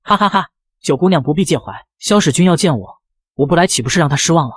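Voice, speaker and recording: A man's voice: a little high, rapid-fire, breathy edge, dry recording, studio quality. A man voicing a cocky yet earnest young swordsman.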